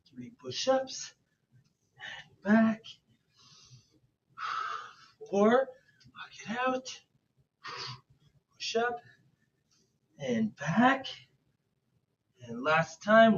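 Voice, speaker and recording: High-pitched male aerobics instructor, distant mic. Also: creaky, fairly bright tone. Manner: aerobics instructor, counting reps and calling out cues; encouraging. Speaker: fitness coach leading a bodyweight warm-up class. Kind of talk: live online workout instruction. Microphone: away from the mouth, at a distance. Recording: distant, dull microphone.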